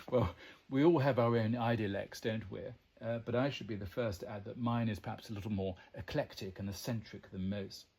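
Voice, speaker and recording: Brisk and fairly even in intonation, this lowish, husky, slightly mellow male voice belongs to an English language-channel host. He muses to the listener in a learned, wandering way, sprinkling in ums and side remarks.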